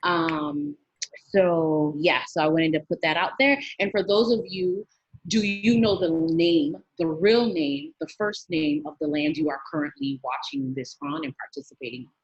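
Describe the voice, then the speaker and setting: A woman's voice: deep voice, normal speed, husky, dry recording, dull audio. A young woman from Miami, a guest speaker giving an earnest webinar talk with many fillers. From Miami, USA.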